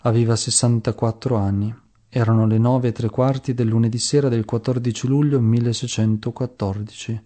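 Reverent man with a warm, dark voice. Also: mid-range voice, fairly even intonation. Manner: slow, measured and reverent. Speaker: devotional reader. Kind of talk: devotional reading of a saint's life.

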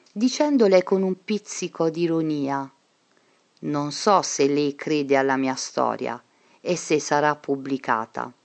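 Woman narrator, storytelling read, unhurried and low. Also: gravelly. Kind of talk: storytelling reading.

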